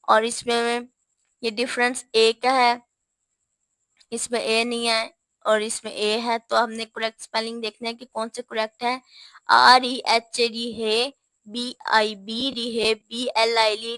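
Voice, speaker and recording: A woman with a Pakistani Urdu accent teaching English spelling, spelling words out slowly letter by letter. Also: fairly high pitch, fairly bright tone, clear, resonant tone, dry recording. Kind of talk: spelling lesson.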